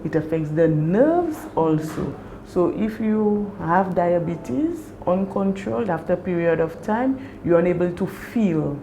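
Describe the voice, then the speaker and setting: A woman's voice: on the low side, lively intonation, a little slow, creaky, hardly any pauses, dark tone, slight background noise. A woman, a clinician explaining things instructively to a patient. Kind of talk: patient consultation. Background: faint music.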